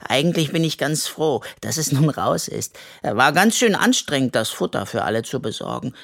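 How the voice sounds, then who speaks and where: A storyteller voicing a small, sensitive male raccoon in a children's audiobook with a high, plaintive voice. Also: very animated, normal speed, vocal fry, a bit bright. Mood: relieved. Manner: sighing, sheepish, then proud.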